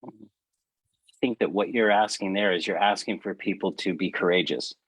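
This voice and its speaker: Earnest low-voiced man in his fifties. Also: slightly rough, no room sound, low-quality recording. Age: 50s. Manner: earnest, halting, repeats words. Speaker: podcast co-host. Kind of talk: reflective casual chat.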